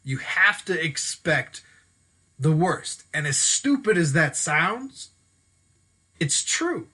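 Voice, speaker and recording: A man's voice: on the high side, very animated, slow, sharp tone. A man hosting a solo sports show in a casual, chatty way, sometimes stopping to correct himself. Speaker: sports podcast host. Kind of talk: solo sports commentary talk. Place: Denver.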